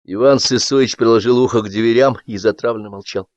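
A man narrating a satirical story in an expressive, lively reading. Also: mid-range voice, brisk, no echo. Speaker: audiobook narrator. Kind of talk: scripted narration. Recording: dull dry audiobook recording.

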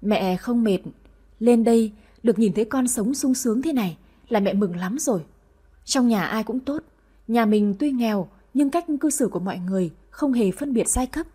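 A woman's voice: on the high side, moderate pace, slightly rough. A woman doing a humble country mother. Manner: gentle, hesitant, polite. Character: poor countrywoman, humble mother, middle-aged.

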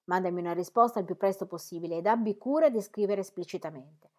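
Brief: woman reading as a dutiful uncle writing a formal letter, measured and calm. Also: mid-range voice, close to an everyday voice. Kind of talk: letter read aloud in audiobook.

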